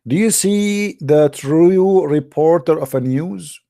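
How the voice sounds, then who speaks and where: Speaking slowly with a fairly high, mellow voice, a native Arabic speaker hosts a live call-in show in English as a second language. His commentary is emphatic and full of mocking sarcasm.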